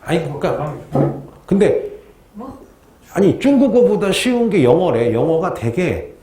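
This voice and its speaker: A man's voice: a little high, dark tone. A male history teacher giving a casual classroom lecture, chatty and joking, with funny asides before he gets into the lesson. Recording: roomy echo.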